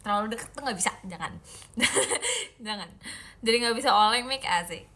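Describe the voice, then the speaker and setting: A woman's voice: medium pitch, expressive, moderate pace, sharp tone. A young woman hosting a casual livestream. She reads out viewer comments and answers in a playful, giggly way with lots of fillers. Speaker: idol livestream host.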